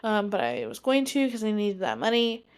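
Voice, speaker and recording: A woman's voice: medium pitch, sing-song, normal speed, clear, resonant tone. A woman in her twenties hosting her own podcast, talking casually and rambling with many fillers. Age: 20s. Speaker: podcast host; teacher. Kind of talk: casual solo podcast monologue.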